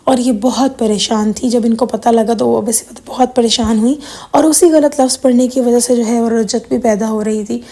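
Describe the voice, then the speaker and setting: A young woman with a hoarse, slightly worn throat talks to her viewers in an earnest, informal way. Her voice sits on the higher side but sounds mellow and dark rather than bright. She slips in English words as she retells a story. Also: fairly even intonation. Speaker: religious video presenter. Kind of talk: informal spiritual talk to viewers.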